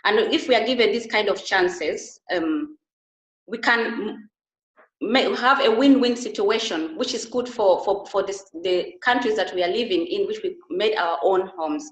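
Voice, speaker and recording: A middle-aged woman from Uganda talks as an interview guest, earnest and halting, often restarting her sentences. Her voice sits in an average range. The recording carries a roomy echo. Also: medium pitch. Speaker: interview guest, beauty and wellness therapist. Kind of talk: conversational interview. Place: Germany.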